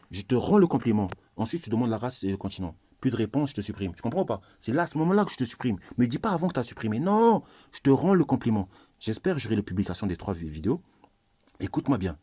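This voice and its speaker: A man's voice: medium pitch, warm tone, dry recording, clean studio sound. A man from Congo, ranting to camera to his viewers in a heated, insistent way and repeating himself. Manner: heated, insistent, repeats phrases, often talks straight to viewers. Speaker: YouTuber.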